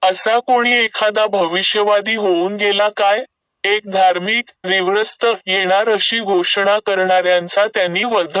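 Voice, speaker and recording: A man narrating scripture in a slow, measured reading. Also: sits high, sharp tone, clear, resonant tone, no echo. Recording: dull recording from a distance.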